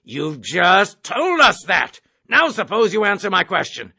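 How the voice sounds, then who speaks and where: A man's voice: sits high, wildly swooping pitch, measured pace, no echo, studio quality, voice pushed up, exaggerated voice. A man reading an audiobook, voicing a bloated, bullying army colonel who bellows and browbeats. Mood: hectoring. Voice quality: gravelly raspy roar. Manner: hectoring, shouting, browbeating. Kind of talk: audiobook character voice.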